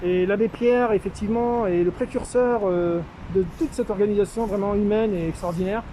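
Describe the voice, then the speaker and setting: A man speaking through a face mask, slightly muffled, giving an informal, halting video update with drawn-out hesitations. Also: sits high, fairly even intonation, warm tone. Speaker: street medic caring for a homeless man. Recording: noisy outdoor street with traffic.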